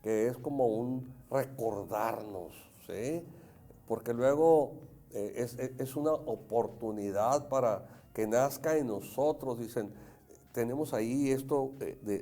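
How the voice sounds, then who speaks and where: A man's voice: mid-range voice, warm tone. A middle-aged man from Jalisco with a Mexican accent, hosting a talk show and telling stories earnestly to the audience. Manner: anecdotal, earnest, addresses audience. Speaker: host. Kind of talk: casual talk show chat.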